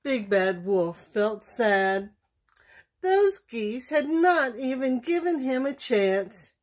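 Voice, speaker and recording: Woman, bedtime story reader, slow, expressive, storyteller. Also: on the high side. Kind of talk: bedtime story read-aloud.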